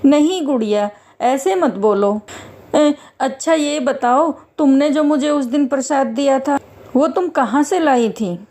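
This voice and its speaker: Woman doing a male security guard, fatherly, bantering, mellow tone, storytelling. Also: sits high, measured pace, pitched above the performer's own voice. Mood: remorseful. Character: gruff middle-aged male security guard, teasing then remorseful. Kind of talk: storytelling voice acting.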